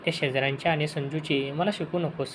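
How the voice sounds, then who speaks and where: A man's voice: fairly high pitch, fairly even intonation, fast talker, a bit bright, a little hiss or hum, natural voice. A man voicing a drunk, abusive middle-aged uncle who talks harshly and scornfully in an audio story. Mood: angry.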